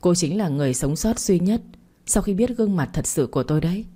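A cold, possessive young doctor speaks in brief, level sentences, as a woman reads him in a story. The voice sits low and sounds mellow. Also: expressive, fast talker, breathy edge. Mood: cold, curt.

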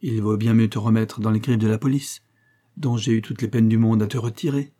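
A man's voice: lowish voice, fairly even intonation, a little fast, warm tone, lightly acted. A man reading an audiobook and voicing a level-headed young male engineer who teases and scolds his servant. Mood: scolding. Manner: teasing and scolding.

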